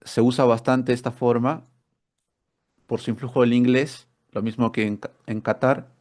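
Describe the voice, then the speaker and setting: A man's voice: medium pitch, steady tone, normal speed, darkish tone. A man teaching an online spelling workshop, explaining step by step with rhetorical questions and repeated words.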